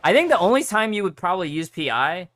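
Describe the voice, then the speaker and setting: Animated, bright-voiced male game streamer. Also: high-pitched, fast talker, no echo, studio quality. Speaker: game livestreamer. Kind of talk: casual gameplay commentary.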